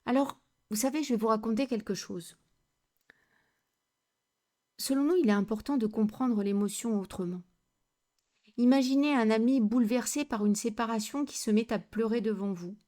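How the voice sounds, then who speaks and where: A woman coach giving a slow, deliberate educational talk on handling conflict, with many rhetorical questions. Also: on the high side, dark tone.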